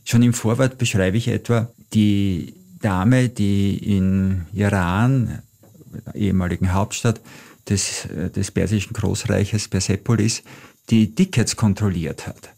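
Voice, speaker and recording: A middle-aged Austrian man, appearing as an interview guest, tells travel stories in a reflective, anecdotal way, his voice low, steady, slow, gravelly and mellow. He thinks as he goes and says "äh" frequently.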